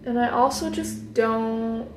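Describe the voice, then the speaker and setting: Doing her makeup in her bedroom, a young Israeli woman in her 20s, a native Hebrew speaker, chats sleepily and laid-back for a get-ready-with-me beauty vlog, using many ums and likes. Her voice is on the high side, slow and a little mellow, with slight background noise. It's recorded by a camera at close desk distance and sounds echoey.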